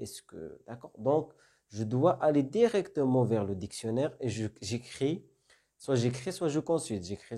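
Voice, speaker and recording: A man's voice: mid-range voice, warm tone, husky. A man teaching French vocabulary in a lesson, explaining step by step and often checking with "d'accord?". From North Africa. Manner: explains slowly with repeated questions and "d'accord?". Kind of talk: classroom-style lesson.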